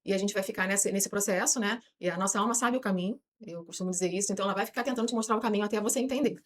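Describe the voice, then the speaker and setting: Brazilian woman guest on a podcast, talks super fast, acts out people's thoughts. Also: medium pitch. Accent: Brazilian Portuguese. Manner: lively, voices imagined people's thoughts. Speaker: guest on self-knowledge podcast. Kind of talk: explanatory podcast talk.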